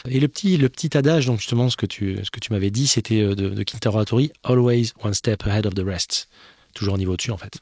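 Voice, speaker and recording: A man's voice: fairly low pitch, very fast, few pauses, darkish tone, dry recording, studio quality. A man hosting a casual podcast chat, playful with jokey asides. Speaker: podcast host. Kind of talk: casual conversation.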